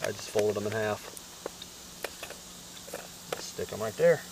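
A man casually narrating his camp cooking outdoors in the woods, relaxed and plain-spoken, giving practical tips. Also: fairly low pitch, slow pace, creaky, background noise. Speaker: outdoors vlogger.

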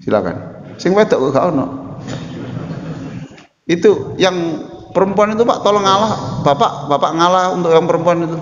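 Lively East Javanese preacher in a hall. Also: male voice, sits high, normal speed, pauses often. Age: older. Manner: animated, joking, switches into Javanese, addresses listeners as Pak and Bu. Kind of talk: lively sermon Q&A with audience. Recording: echoey hall, dull lo-fi sound.

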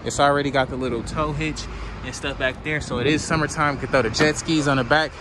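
Walking an outdoor auction lot with a handheld phone, a man vlogs a casual look at the cars, using slang and asking viewers to comment. His voice is on the high side, steady and fairly quick, with clear background noise from the lot.

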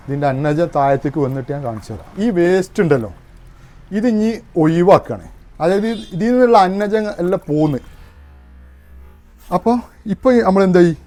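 A man's voice: sits high, a little mellow. A man giving a casual hands-on demonstration, explaining each step and checking that the listener understands. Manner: explains step by step, keeps asking if you understand. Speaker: home arrowroot powder maker demonstrating.

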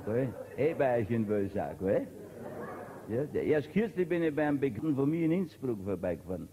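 Stammering Upper Austrian comedian. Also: male voice, medium pitch, big pitch swings, a little fast, background noise. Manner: stammering storyteller, dialect joke-telling with quoted exchanges. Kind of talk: stand-up folk comedy monologue.

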